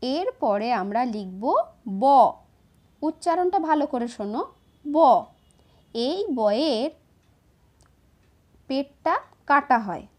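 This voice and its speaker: A woman, slowly and patiently explaining each step of writing letters to children. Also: high-pitched, expressive. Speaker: teacher. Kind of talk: handwriting lesson for children.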